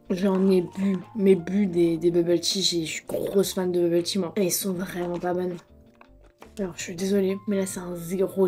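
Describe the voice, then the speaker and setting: A woman's voice: fairly low pitch, a little mellow. A woman vlogging casually to a phone camera, chatty and slangy, with a blocked nose and congested throat. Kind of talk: casual vlog chat.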